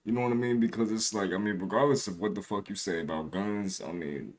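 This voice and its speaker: A man's voice: on the low side, fast, a little mellow. A young man chatting casually on a livestream, reacting to a video with loose, profane, rambling talk full of restarts.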